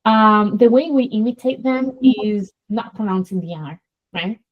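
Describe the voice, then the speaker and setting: A woman's voice: medium pitch, a little slow, dull audio. Spanish-accented woman explaining phonetics. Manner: lecturing, demonstrates sounds aloud, many "right?" checks. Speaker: host, Spanish teacher. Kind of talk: explanatory interview talk.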